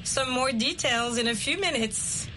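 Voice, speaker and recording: A middle-aged woman hosting an English practice chat, speaking slowly and clearly and repeating the learners' answers. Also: high voice, bright, forceful tone, a little hiss or hum. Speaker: host leading an English conversation session. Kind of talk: encouraging language-practice chat.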